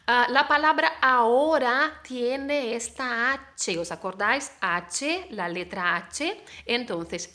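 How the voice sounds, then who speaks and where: A woman teaches an online language lesson. She explains each point patiently and keeps checking in with her students. Her voice sits a little higher than most. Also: sharp tone. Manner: patient, explanatory, checks understanding with frequent questions. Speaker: Spanish teacher.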